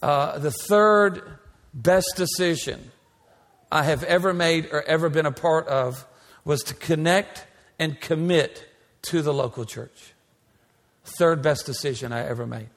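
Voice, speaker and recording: With church hall reverb around him, a forties-aged pastor delivers a sermon in a large sanctuary. He speaks a little slowly in a slightly high, somewhat bright voice, his cadence emphatic and repetitive.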